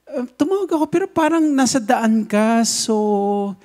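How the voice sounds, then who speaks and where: A man's voice: very high voice, lively intonation, normal speed, a little mellow, voice pushed up. A man with a Filipino accent quoting a polite church assistant who hesitantly explains a phone call.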